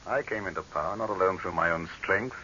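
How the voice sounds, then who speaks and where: A male actor with a low-pitched, sharp voice plays a proud, scornful dictator confronting death in a 1930s radio horror drama, speaking quickly in a commanding, oratorical style that sounds forceful and contemptuous. The old recording is hissy, with its highs cut off.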